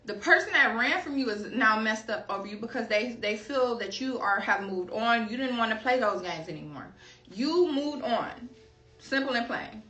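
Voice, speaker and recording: A talkative woman from Chicago reads tarot for her viewers in a casual way, wandering off into personal stories and calling them y'all. Her voice is bright and a little high. It comes from a bit away from the mic in an echoey room. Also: recorded from a distance. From Chicago, USA. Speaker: tarot card reader.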